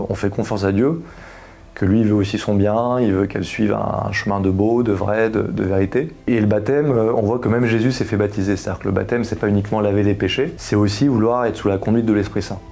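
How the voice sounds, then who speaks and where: Gravelly, low-voiced man in his thirties. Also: dark tone. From France. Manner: earnest and explanatory, uses homely comparisons. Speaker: husband giving a faith testimony. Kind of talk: casual personal testimony.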